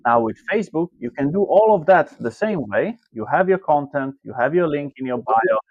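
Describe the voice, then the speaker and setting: A man's voice: on the high side, animated, normal speed, dry recording. Man from slovakia on a video call, loose rambly answers, kinda dull dry audio. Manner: loose, filler-heavy phrasing. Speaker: guest, marketing coach. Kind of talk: interview answers.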